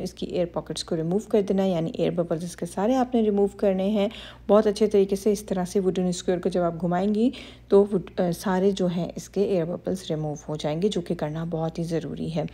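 A woman's voice: fairly low pitch, steady tone, a little fast, dark tone. A woman hosting a cooking channel, giving a step-by-step baking lesson in a reassuring, instructive voice-over. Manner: instructive, reassuring, addresses women viewers directly.

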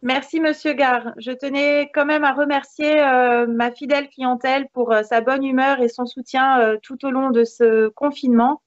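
Her voice is high, with fairly even intonation, normal speed and hardly any pauses, in a dry recording. The woman, a hair salon manager in her thirties, is an upbeat, conversational interview guest on a video call from a room with a beamed ceiling, heard through a device mic as dull, lo-fi audio.

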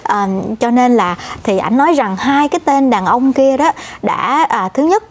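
A female co-anchor telling the news in a relaxed, conversational way, often pausing on fillers and addressing the audience directly. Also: on the high side. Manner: many "à" fillers, addresses "thưa quý vị".

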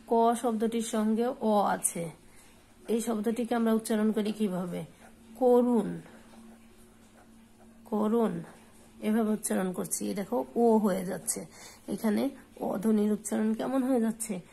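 A woman teacher giving a spoken lesson, saying example words slowly and repeating them for her pupils. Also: fairly high pitch, fairly even intonation, gravelly, dark tone, husky, rough recording. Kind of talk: slow spoken lesson on pronunciation.

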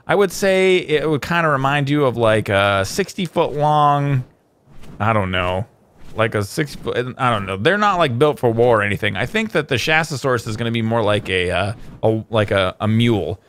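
A man's voice: medium pitch, expressive, moderate pace, fairly bright tone, clean tone. A man hosting a video game, rambling through casual commentary with lots of fillers and self-corrections. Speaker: gameplay video host.

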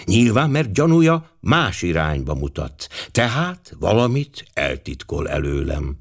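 A shrewd, fussy older detective, as a male audiobook reader puts him on, speaking in a lower voice with precise, gently ironic phrasing. His pitch swings a lot from line to line, and he stays dry and knowing. It is a storybook reading. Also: very animated, gravelly, exaggerated voice. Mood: wry.

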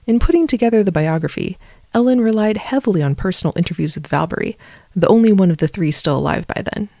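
A woman host narrating history from a script, with wry, conversational asides on a low-budget home mic. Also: lively intonation, quick pace, creaky, warm tone, no echo, studio quality.

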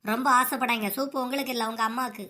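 A scheming young daughter-in-law in a cartoon, voiced by a woman, with a Kanyakumari Tamil accent. She rattles along quickly in a bright, fairly high voice and sounds quick-tongued and mocking. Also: fairly even intonation. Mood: tart.

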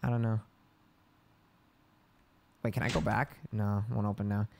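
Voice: mid-range voice, level tone, unhurried, creaky, background noise. A let's play gamer commenting on a video game, reading the on-screen text aloud and breaking into panicked shrieks and laughter. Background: game music.

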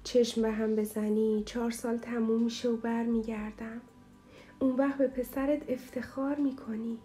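A tender, determined young man in an audio novel comforts his mother in a gently reassuring tone, as a woman narrator plays him. The voice sits fairly high and mellow, with faint music beneath it. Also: level tone, close to an everyday voice.

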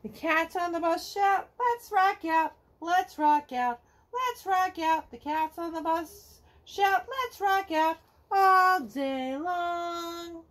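Reading to kids at home, a middle-aged woman sings a children's picture book's verses slowly and sing-song. The setting is an indoor living room, and her voice is extremely high with a fairly bright tone.

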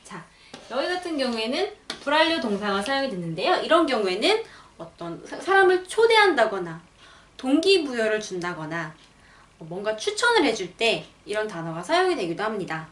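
Roomy, high-voiced woman teacher. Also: sing-song, fairly bright tone, slight background noise. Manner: reads example sentences slowly and clearly. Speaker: language teacher. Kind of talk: explaining lesson. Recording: roomy, a bit far from the mic.

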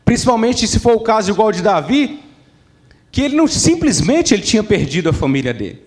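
A preacher with a high voice delivers a sermon at a church service. He speaks emphatically and repeats key phrases, often asking the congregation whether they are following him. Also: sing-song, a little fast.

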